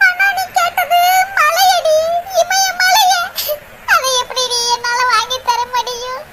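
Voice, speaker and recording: A woman's voice: extremely high pitch, noisy background. A woman voicing a caring older sister in a cartoon, firm but tender, in a southern Tamil Nadu accent. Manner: scolding yet tender, lamenting. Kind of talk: cartoon voice acting.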